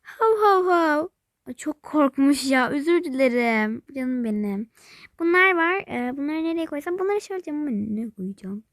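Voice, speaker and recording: A woman talks her viewers through a mobile game in a casual, rambling way, thinking aloud and calling them by pet names. Her voice sits a little high and often sinks into a whisper. The sound is dry and close, with no room echo. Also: animated, moderate pace. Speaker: game vlogger. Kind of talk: casual play-along narration of a mobile game.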